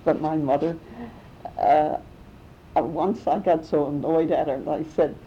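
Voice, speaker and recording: Older lady telling old family stories, low dark voice, muffled recording w/ faint rumble. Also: fairly even intonation, measured pace. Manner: rambling, warm storytelling with restarts and small laughs. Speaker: interviewee. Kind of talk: oral history reminiscing.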